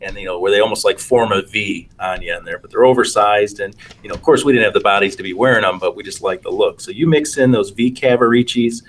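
A man's voice: on the low side, quick pace, hardly any pauses, fairly bright tone. Late 40s guy, finance adviser chatting as a podcast guest, sounds a bit far from the mic. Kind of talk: conversational interview answers.

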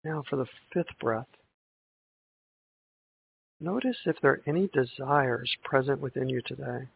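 Calm meditative man on tinny, hissy audio. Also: mid-range voice, unhurried, creaky. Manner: calm, meditative, gentle guiding tone. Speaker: meditation guide. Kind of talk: guided breathing meditation. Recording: tinny band-limited audio with hiss.

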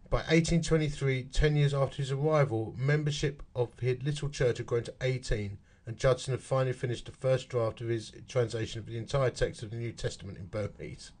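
A man's voice: medium pitch, brisk, a little mellow. A man with an Essex accent reading a history article aloud, stopping for chatty asides and working out dates and numbers as he goes. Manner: chatty, works figures out aloud.

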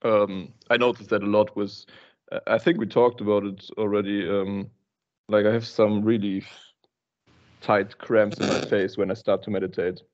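A man's voice: fairly low pitch, little pitch movement. A man speaking over a breaking-up online call, describing his experience hesitantly as a meditation class participant. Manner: hesitant, halting. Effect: voice over a breaking-up online call line. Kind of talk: casual question in a group call. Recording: dull lo-fi call audio.

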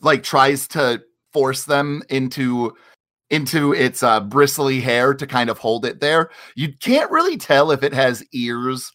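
A man's voice: medium pitch, fairly bright tone. A man narrating as game master in a tabletop game, talking hesitantly with many restarts.

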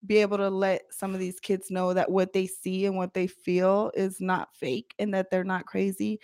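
A woman's voice: fairly low pitch, darkish tone, clear, resonant tone, no echo, clean studio sound. A middle-aged woman guesting on a casual podcast, blunt and profane, laughing often. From United States, parents from Guatemala. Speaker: podcast guest, practicing witch.

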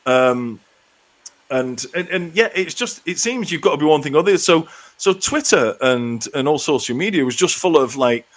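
A middle-aged man chats as a podcast co-host in a slightly higher-than-usual male voice. His talk is casual and peppered with swearing. He readily puts himself down. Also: animated, normal speed. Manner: sweary, self-deprecating. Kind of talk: casual chat.

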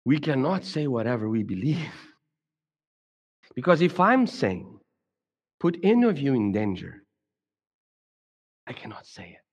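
With a Brazilian Portuguese accent, a middle-aged Brazilian man offers a reflective church talk, often tangling in repeated words and restarts. His mid-range voice is very animated yet unhurried, with long pauses and a breathy edge; the highs are cut off and a long hall reverb fills the space.

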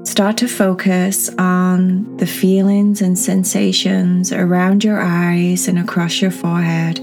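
A woman guiding a children's meditation as a podcast host, speaking in a soft, soothing, breathy manner. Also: lowish voice, flat delivery, takes it slowly. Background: new-age music.

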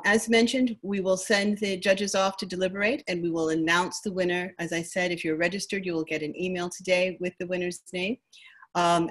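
A woman hosting an online pitch competition, speaking politely and formally as she thanks judges and sponsors and announces winners. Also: a bit bright. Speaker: event host.

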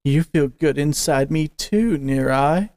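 A smug, purring demon who teases and condescends from inside a plush toy, as a male storyteller puts it on. The voice sits noticeably higher and slower than the narration, with a different, airier tone. Every line drips with mockery. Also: sing-song, gravelly, a little mellow, no room sound, studio quality, heavily acted. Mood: cooing. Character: sly teasing demon creditor trapped in a plush.

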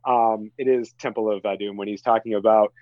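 A man's voice: on the low side, fairly quick, no room sound. Guy guesting on a film podcast, laughs a lot, kinda muffled dry mic. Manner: animated, laughs often, acts out quotes. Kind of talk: casual film chat.

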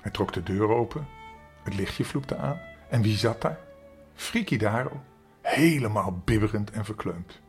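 An older man telling a storybook tale to young children, gentle and expressive, speaking to them directly. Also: lowish voice, measured pace, faint music behind.

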